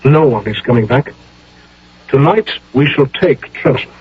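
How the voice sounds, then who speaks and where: Stern army general, real husky, formal orders, dull old radio sound. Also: male voice, medium pitch, lively intonation, measured pace. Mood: stern, commanding. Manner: formal, authoritative, clipped commands. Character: stern, commanding American general George Washington. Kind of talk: radio drama acting.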